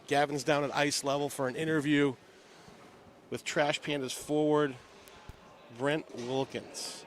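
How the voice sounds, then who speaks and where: A man's voice: a little high, little pitch movement, a little slow, slight background noise. A man giving chatty, easygoing color commentary on a live amateur hockey game, bantering with his partner.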